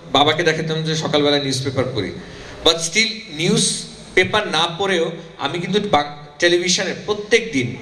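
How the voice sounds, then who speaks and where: A bright, forceful man from Bangladesh speaks with a Bengali accent carrying a Noakhali lilt, and he slips between Bengali and English as he addresses a workshop audience. His voice rings in an echoey hall, with faint ambience behind him. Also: high voice, slight background noise. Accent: Bangladeshi Bengali with a Noakhali tinge. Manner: switches between Bengali and English mid-sentence; emphatic, addresses the audience directly. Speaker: motivational speaker.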